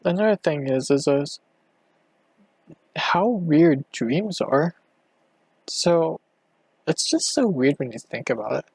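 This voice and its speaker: A man talks through a late-night solo podcast, wandering from thought to thought with constant restarts and fillers. His voice is gravelly and a little breathless. He records at home on a cheap mic, and the sound is close and dry. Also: fairly high pitch, expressive, slow, long pauses, darkish tone, dry recording. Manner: meandering, hesitant, full of restarts and fillers. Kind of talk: rambling casual monologue. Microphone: cheap home microphone.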